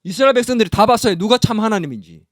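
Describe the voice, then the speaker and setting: Man, pastor, sermon, dramatic storytelling, high voice, dry close mic. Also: very fast, no echo. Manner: animated storytelling, dramatic swings. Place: church.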